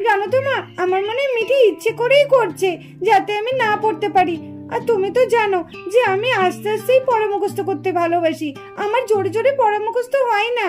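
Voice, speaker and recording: A woman's voice: very high voice, fairly quick, darkish tone, faint music behind. A woman voicing an annoyed older sister in a doll cartoon, complaining in a whiny voice. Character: fed-up older sister trying to study.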